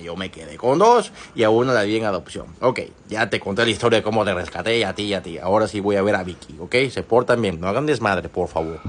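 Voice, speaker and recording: A man, an animal rescuer, talks to his viewers and coos affectionately at dogs in a vlog. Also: medium pitch. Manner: affectionate baby talk to animals. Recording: noisy background with dogs. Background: dogs, clicks.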